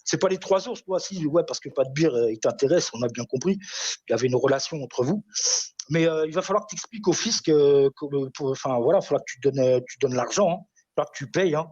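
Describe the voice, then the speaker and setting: A man with a high voice taunts his opponent in a heated online argument, hammering the same lines again and again. He comes through a video call with dull, lo-fi sound. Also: quick pace, darkish tone, husky. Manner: taunting, mocking, repeats himself.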